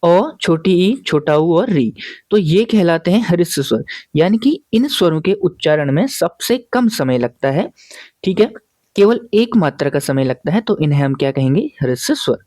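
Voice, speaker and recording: In a classroom grammar lesson, a male teacher with a warm, mellow, fairly high voice and lively intonation guides his students patiently, posing questions and answering them himself. He pauses often to make sure everyone is following. The recording is close and dry, with no room sound at all.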